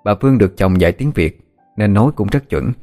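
A man narrates a story with a steady, measured delivery. His voice sits on the low side. Soft music plays quietly underneath. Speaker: audiobook narrator. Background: soft background music.

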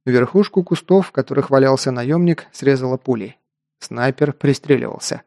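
Gravelly male audiobook narrator. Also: medium pitch, normal speed, warm tone, no room sound, clean studio sound. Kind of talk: first-person action narration.

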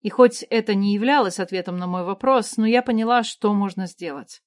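Woman narrator for a first-person fantasy audiobook; measured and even, dry close-mic sound. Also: mid-range voice, dry recording.

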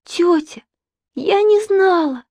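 A woman voicing a timid little girl who pleads in a high, breathless voice. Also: lively intonation, takes it slowly, a little mellow, no echo, studio quality, heavily acted. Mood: pleading.

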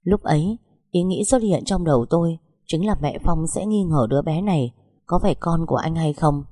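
A woman narrating a story in the first person with a steady, reflective delivery. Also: low voice, moderate pace, no room sound, studio quality.

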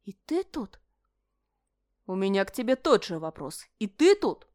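A woman reading aloud and voicing a flustered young duchess who slips into hushed, breathy asides. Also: mid-range voice, very animated, a little slow. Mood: anxious.

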